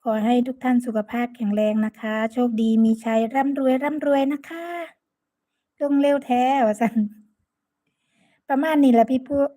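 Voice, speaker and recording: A chatty woman with a Northeastern Thai Isan accent talks to her live-stream viewers, greeting and thanking each by name. Her voice sits a little high yet sounds mellow and soft. She speaks into a phone. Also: moderate pace. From Sakon Nakhon, Northeast Thailand.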